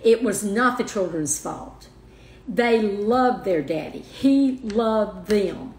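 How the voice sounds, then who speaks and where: An older woman speaking as a guest in a heartfelt interview, soft and halting, often restarting her sentences. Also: medium pitch, lively intonation. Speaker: guest, mother of the host. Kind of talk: emotional personal interview. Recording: roomy echo.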